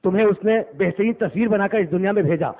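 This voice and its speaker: A man delivering an impassioned religious sermon in a mourning hall, swinging between loud declaiming and low murmurs and reciting scripture. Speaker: Shia cleric delivering a majlis. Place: imambargah hall. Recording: tinny phone-like lo-fi recording.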